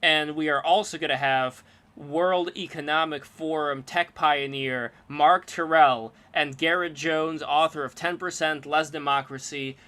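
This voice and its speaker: Male stream host, a bit higher pitched, hype-man promo energy. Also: fairly even intonation, unhurried, bright, forceful tone. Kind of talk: casual livestream chat.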